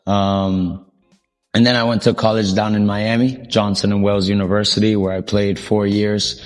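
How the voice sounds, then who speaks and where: A young man born in Colombia, a soccer coach, talks through his story in a low, flat voice, relaxed and full of ums. Faint music plays beneath him. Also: moderate pace. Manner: relaxed, rambling with frequent ums. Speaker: soccer coach, interview guest. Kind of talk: casual interview storytelling.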